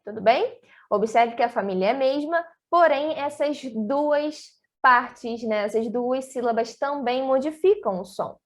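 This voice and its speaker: High-voiced woman teacher, slow and patient, stretches out each syllable so you can repeat. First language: Portuguese. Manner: slow and careful, drawing out syllables for repetition. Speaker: Spanish teacher. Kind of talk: online language lesson.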